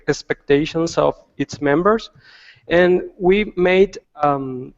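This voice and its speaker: A man explains design research in a halting way, often restarting his words. His voice sits a little high. The recording is dull and lo-fi with a long reverb behind him. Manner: halting, many restarts and fillers. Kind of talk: presentation on a video call.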